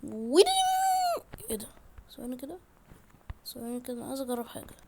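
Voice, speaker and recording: Egyptian woman, fast excitable gameplay commentary at home, slightly high voice. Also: heavy background noise. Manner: excitable, chatty, talks to viewers. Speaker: gaming YouTuber. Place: at home, in a room.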